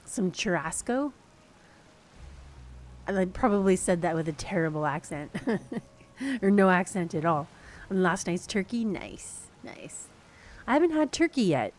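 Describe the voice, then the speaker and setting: A woman's voice: fairly low pitch, animated, moderate pace. A woman streamer casually chatting through a game, laughing and thinking aloud to her viewers. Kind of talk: casual gameplay commentary to chat.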